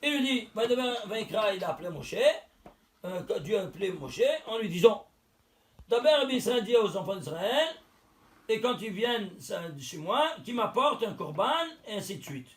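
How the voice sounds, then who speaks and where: High-voiced man teaching a religious lesson. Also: expressive, normal speed. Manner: explains step by step, asks and answers his own questions; counts out letters and numbers aloud.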